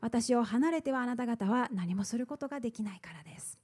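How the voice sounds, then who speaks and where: Higher-voiced woman interpreting a sermon. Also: fairly quick, slightly rough. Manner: steady, uses filler "eto" before phrases.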